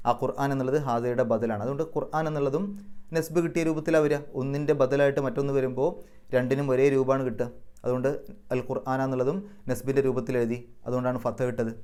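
A man's voice: medium pitch, steady tone, a little mellow, smooth. A man with a Kerala Malayalam accent giving a patient, step-by-step Quran grammar and recitation lesson. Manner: patient, explains step by step, chants verses slowly. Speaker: Quran teacher.

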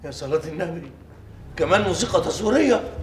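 An actor playing a joking, soft-hearted, henpecked father in a comedy series with music behind. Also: a little high, quick pace, close to an everyday voice. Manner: joking, animated. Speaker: father, police assistant.

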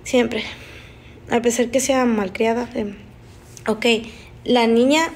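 A woman's voice: a little high, steady tone, darkish tone. Woman telling a frightening story. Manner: halting, emotional, with frequent restarts and nervous laughs. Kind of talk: casual spoken storytelling.

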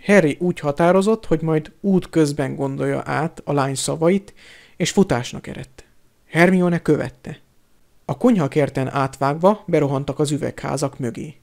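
Man, audiobook narrator, steady storytelling, creaky, somewhat high. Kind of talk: audiobook reading.

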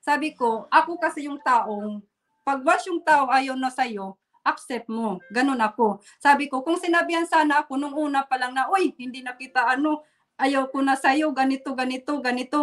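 A Filipina woman from the Philippines, a guest telling a painful personal story in a halting way, holding back tears and laughing nervously. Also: high voice, fairly bright tone. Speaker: interview guest. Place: Germany.

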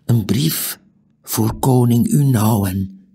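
A man voicing a mysterious hooded old man in an audiobook, in a whispered role-play, hushed, urgent and pleading. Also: mid-range voice, slow pace, creaky, husky, voice pushed up, exaggerated voice. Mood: secretive.

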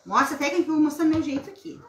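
A woman's voice: high-pitched, fairly even intonation, rapid-fire. A woman, casually hosting a live craft tutorial. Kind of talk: casual live craft demonstration with chat greetings. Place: small indoor craft room at a table. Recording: roomy echo, some background noise, clicks.

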